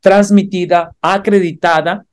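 A man's voice: high-pitched, steady tone, unhurried, clear, resonant tone. Earnest man teaching a Bible class. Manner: earnest, explanatory, builds up emphasis with repeated phrases. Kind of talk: theological teaching.

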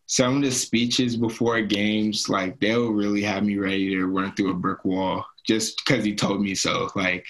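A man's voice: on the low side, little pitch movement, unhurried, hardly any pauses, fairly bright tone, rough recording. A young man, a college football player, talking casually on a podcast, laid-back and full of "like". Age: young adult. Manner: laid-back, heavy use of "like".

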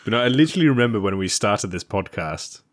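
Podcast co-host, low-pitched man, loose banter, quick to laugh. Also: animated. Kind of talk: casual chat.

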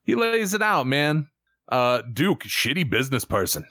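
A man co-hosting a casual wrestling podcast, excitable and profane, repeating lines for emphasis. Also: mid-range voice, unhurried, dry recording, studio quality. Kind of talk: casual chat.

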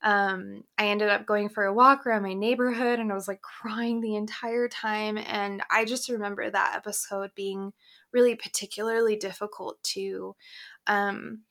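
A woman's voice: medium pitch, fairly even intonation, moderate pace, fairly bright tone. Earnest woman co-hosting a podcast. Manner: earnest, with fillers and laughter. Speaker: podcast co-host. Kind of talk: casual conversation.

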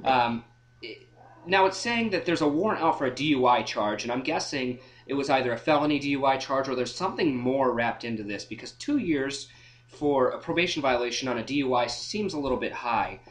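A man's voice: mid-range voice, lively intonation, fairly quick. A man with a nasal voice who co-hosts a casual legal advice podcast as a defense lawyer, speaking matter-of-factly with occasional joking asides. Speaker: criminal defense lawyer co-host.

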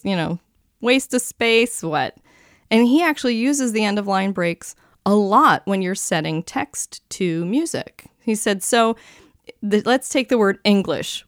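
A woman co-hosting a casual chat about dictionaries, lively and quick with jokes and asides. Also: medium pitch, no echo, clean studio sound. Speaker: podcast co-host, lexicographer.

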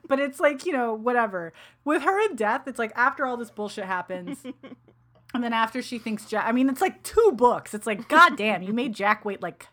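A woman in casual book chat, recapping a novel with animated, profane enthusiasm and frequent laughter. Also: on the high side, normal speed. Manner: animated, profane, laughs often while retelling.

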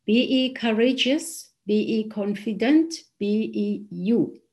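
A woman hosting a panel, giving a measured, formal introduction of the next speaker. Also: on the high side, darkish tone. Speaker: panel host.

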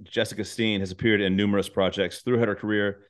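Fast-talking and flat in delivery, a man with a voice on the low side hosts an interview podcast, toggling between scripted introductions and casual chat where he pokes fun at himself.

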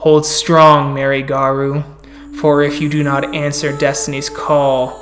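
A man's voice: fairly high pitch, monotone, measured pace, over music, natural voice. Man voicing a grave, cryptic prophet spirit. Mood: grave warning. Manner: grave, rhyming, portentous. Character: cryptic prophesying spirit warning young wolves of doom. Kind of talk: tabletop role-play character acting.

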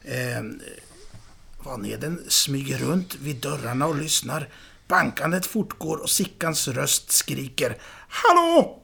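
Gravelly man retelling a film scene. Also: mid-range voice. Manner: acts out characters' shouted lines while retelling. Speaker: podcast co-host.

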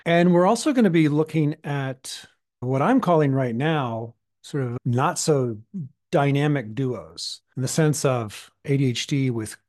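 Husky gravelly guy, hoarse from being sick, chatting on his podcast, dry close sound. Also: medium pitch, animated, measured pace, a little mellow, dry recording. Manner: thoughtful, with frequent fillers and restarts. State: hoarse from a recent illness. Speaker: podcast co-host and coach. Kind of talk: casual podcast chat.

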